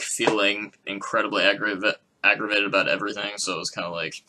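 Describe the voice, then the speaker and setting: A teenage boy vlogging in a casual, rambling way, full of fillers and restarts and quick laughs. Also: on the low side, bright, forceful tone, poor audio. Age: teens. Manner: hesitant, many fillers and restarts, laughs often.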